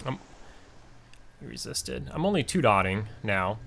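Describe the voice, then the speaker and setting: A man's voice: mid-range voice, sing-song, measured pace, vocal fry, a bit bright, slight background noise. A man giving casual, rambling commentary over his own gameplay, with many fillers and restarts. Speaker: gaming channel host.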